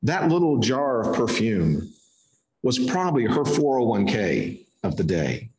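A male pastor preaching a sermon in a church, telling the story in an animated way and acting out gestures. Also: medium pitch, measured pace, roomy sound.

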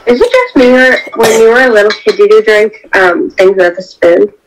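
A woman co-hosting a casual gaming video, teasing her partner and quickly protesting. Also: mid-range voice, a little hiss or hum, rough recording. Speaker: gaming co-host.

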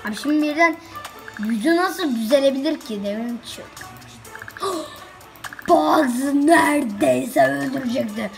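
A woman giving casual let's-play commentary, excitably chanting quick repeated commands at the game. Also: high voice, vocal fry, soft background music. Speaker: gameplay video host.

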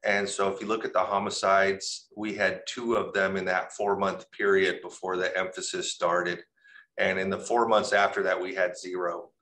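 A man, a police captain, walking a panel through crime data with many pauses and fillers. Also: deep voice, level tone, pushed and bright.

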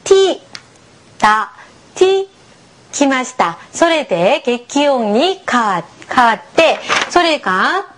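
Woman, language teacher, high lively voice, patient, encouraging, slow clear model pronunciation. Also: a little hiss or hum. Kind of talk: beginner language lesson for learners.

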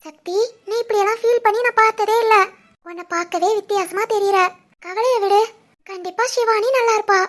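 A woman voicing a gentle, caring young daughter-in-law in an animated family story. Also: extremely high pitch, brisk.

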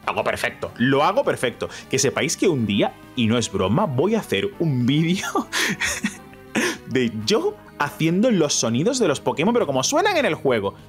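A young man from Spain with a Spanish accent, narrating his game run in a playful, clowning way. His voice sits a little high and swings widely up and down as he jokes with viewers. Soft music plays faintly underneath. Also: wildly swooping pitch, moderate pace. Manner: playful, jokey, self-mocking, talks to viewers. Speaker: gaming YouTuber. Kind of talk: playthrough commentary.

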